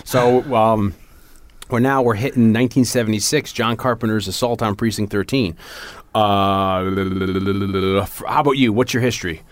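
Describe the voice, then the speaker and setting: A man's voice: fairly low pitch, steady tone, a little slow, no echo. A man co-hosting a movie podcast in loose, casual chat. He rambles, cracks jokes and laughs often, sounding a bit wired from coffee. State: jittery from coffee. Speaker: podcast co-host.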